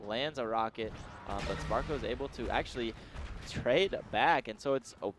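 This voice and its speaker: A man doing live esports commentary as a casual, excitable caster. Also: medium pitch, moderate pace, background noise.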